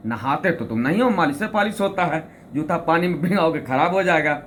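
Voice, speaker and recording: Lively male storyteller, higher voice, explains his own verses. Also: a little fast, a little hiss or hum. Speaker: storyteller and poet. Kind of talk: anecdote and recited humorous poem.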